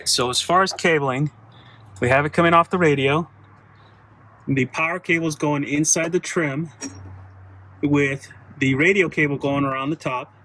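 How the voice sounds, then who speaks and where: The host of an off-road vehicle install channel, a middle-aged man, chats informally and crudely while working with his hands. His voice is a little high, pushed and bright, with a steady tone, moderate pace and frequent pauses. Music plays behind him, and there's a little hiss or hum.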